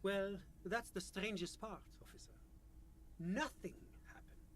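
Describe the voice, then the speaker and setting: Polite formal witness guy, higher voice, faint hiss. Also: lively intonation, fairly quick, fairly bright tone. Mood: calm. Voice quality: formal, courteous manner. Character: polite, composed male witness.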